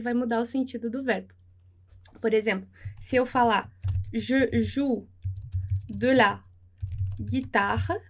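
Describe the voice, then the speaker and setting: A woman with a Brazilian Portuguese accent teaches a French lesson, repeating each phrase slowly and then translating it. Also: a little high. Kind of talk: slow, patient language lesson with repetition.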